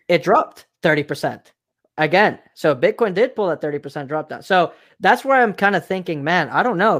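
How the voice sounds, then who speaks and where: Man from Mexico, host of a casual stream; loose, rambling delivery full of fillers. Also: on the high side. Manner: rambling, hedging with filler phrases. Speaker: livestream host. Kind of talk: casual chat.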